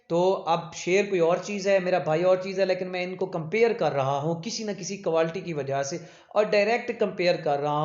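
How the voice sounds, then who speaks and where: A man teaching English literature terms for exam prep, asking his own questions and answering them, with frequent fillers. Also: high-pitched. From Pakistan. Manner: repeats points as questions and answers them himself; fills with "jo hai na" and "theek hai". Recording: echoey room, dull lo-fi sound.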